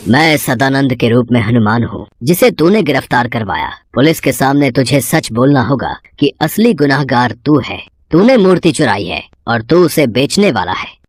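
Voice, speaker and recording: A woman voicing Hanuman in a cartoon story, speaking calmly and solemnly. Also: a bass voice, moderate pace, hardly any pauses, dry recording. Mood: stern. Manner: calm, solemn. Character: divine monkey god, calm and kindly.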